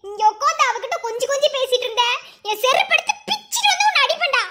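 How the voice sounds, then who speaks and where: A woman with a Madurai Tamil accent voicing young village women in an animated family cartoon, scolding in quick slang. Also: very high-pitched, heavily acted. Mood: bickering.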